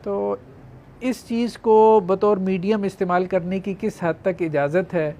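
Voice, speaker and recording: A man with a somewhat raised voice makes calm, conciliatory points in a discussion. Faint ambient noise sits behind him. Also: sits high. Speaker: discussion participant. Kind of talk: panel discussion.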